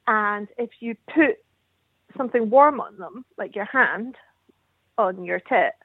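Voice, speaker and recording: A woman's voice: medium pitch, takes it slowly, slightly rough, dry recording. A woman phoning in to a radio show, heard over the phone, chatting casually and explaining things at rambling length. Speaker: caller. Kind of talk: casual call-in chat. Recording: tinny dry phone line.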